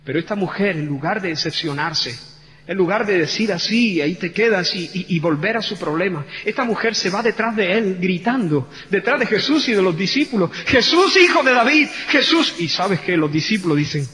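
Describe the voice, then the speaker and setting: High, bright-voiced Spanish preacher. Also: male voice, expressive, fairly quick. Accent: Spain Spanish. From Spain. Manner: passionate, dramatic storytelling. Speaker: pastor. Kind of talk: sermon. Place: church. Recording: church hall reverb with faint hum.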